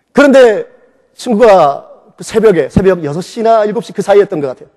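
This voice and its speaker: A middle-aged man preaching a sermon as a pastor, telling his own testimony in an animated way and acting out the voices in it. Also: high voice. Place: church sanctuary. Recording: long reverb of a church hall.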